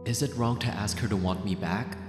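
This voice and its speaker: In an ASMR roleplay monologue, a man plays an obsessive, lovesick young ex-boyfriend who is anxious, possessive and agonized, brooding and questioning himself with a desperate, longing mood. His natural voice is on the low side and fairly quick, sounding reverberant and echoey over music.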